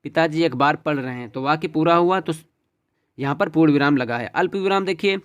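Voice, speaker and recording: A man's voice: on the high side, brisk, smooth, lo-fi sound. A man teaching an exam-prep lesson, walking through questions and checking in with "ठीक है" and "देखिए" as he goes. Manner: repeats "ठीक है" and "देखिए" as he explains.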